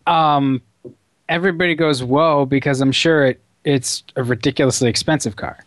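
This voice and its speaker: A man co-hosting a casual car podcast, wry and teasing, with halting starts. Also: medium pitch, dry recording. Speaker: podcast co-host. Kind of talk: casual chat.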